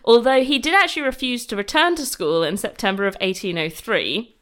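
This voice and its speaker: A woman's voice: fairly high pitch, fairly quick, fairly bright tone. A woman, co-hosting a podcast and casually retelling a historical life story while laughing easily. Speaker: podcast co-host.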